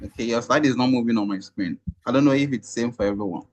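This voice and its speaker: Une femme qui anime une réunion en ligne, entendue à distance par le son d'un appel vidéo dans un enregistrement d'écran, posant des questions rapides pour vérifier la connexion. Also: female voice, rumbling low, a little mellow. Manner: quick, checking-in questions. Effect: remote video-call audio captured in a screen recording. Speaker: meeting moderator. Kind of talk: online meeting coordination. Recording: muffled distant video-call audio.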